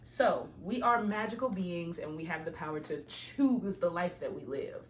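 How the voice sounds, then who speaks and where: A woman's voice: on the low side, animated, normal speed, slight background noise. A woman reading tarot cards and giving a casual, preachy pep talk, encouraging listeners to plan and believe in their dreams. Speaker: tarot reader.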